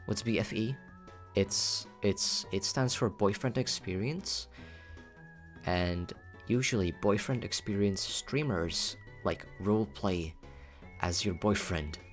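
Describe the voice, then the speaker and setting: Soft music plays behind a Filipino VTuber as he chats casually on his livestream, his voice on the low side and his pace slow. He is playful and cutesy, rambling and repeating himself often.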